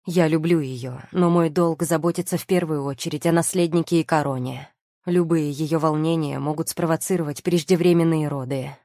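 A cynical, scheming nobleman who sneers and coolly justifies himself, as read by a woman in an audiobook. The voice sits low and mellow. The recording is close and dry. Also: steady tone, moderate pace, no room sound. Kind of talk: audiobook character reading.

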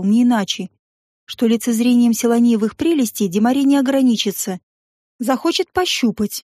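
A woman narrating a first-person audiobook in a lively, wry, ironic manner. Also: fairly high pitch, no room sound, studio quality.

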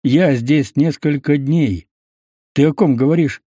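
A blunt, wary young newcomer, voiced by a male audiobook reader in a close-to-natural, slightly high voice. He speaks in short, level questions, recorded dry and close. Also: measured pace, mellow, dry recording. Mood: guarded.

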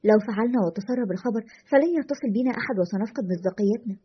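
A woman's voice: fairly high pitch, racing, highs cut off, slight background noise, close to an everyday voice. A woman voicing an earnest, respectful young man who produces a radio show, in a storybook reading.

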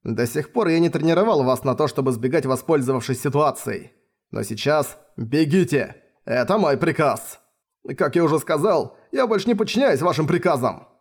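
A man voicing a stubborn, wounded field marshal, exasperated and shouting in an audiobook. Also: on the high side, lively intonation, normal speed. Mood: commanding.

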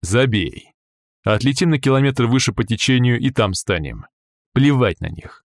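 A man voicing a calm, measured male team leader in an audiobook. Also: mid-range voice, gravelly, dry recording, clean studio sound.

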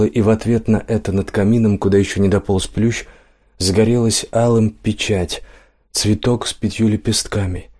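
Guy narrating a fantasy audiobook, lowish steady voice.

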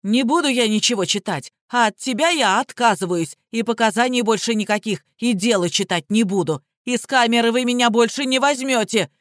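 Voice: medium pitch, moderate pace, few pauses, fairly bright tone, dry recording, clean studio sound, lightly acted. A reader voicing a scrawny male petty thief in custody, who rants and shrieks at his lawyer. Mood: hysterical. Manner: shrieking, ranting.

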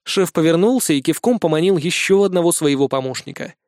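A man's voice: fairly high pitch, animated, a little fast, darkish tone, no echo, clean studio sound. A man narrating an audiobook in a wry storytelling manner. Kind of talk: scripted narration.

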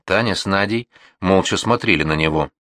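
A man narrating a story in an audiobook, expressive and storytelling. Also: deep voice, fairly quick, no echo, studio quality. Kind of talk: audiobook reading.

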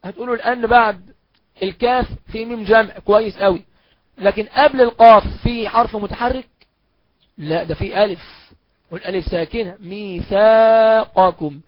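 A man with an Egyptian accent teaching a recorded Quran recitation lesson, explaining step by step, asking and answering his own questions and chanting the examples slowly. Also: sits high, no room sound, lo-fi sound. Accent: Egyptian Arabic.

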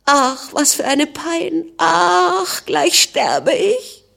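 Woman reader doing a young princess, sobbing, high and breathless, slow drawn-out wails. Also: expressive, vocal fry, fairly bright tone, full character voice. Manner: sobbing, high-pitched and desperate. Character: young distraught princess, newly married.

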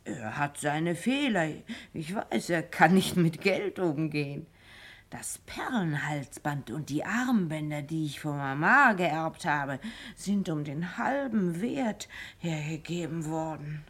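A tipsy, tearful devoted wife. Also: female voice, deep voice, lively intonation, slow, a bit bright, exaggerated voice. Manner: theatrical, repeats herself, giggles and sobs. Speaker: Mrs Micawber. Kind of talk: 1950s radio play acting.

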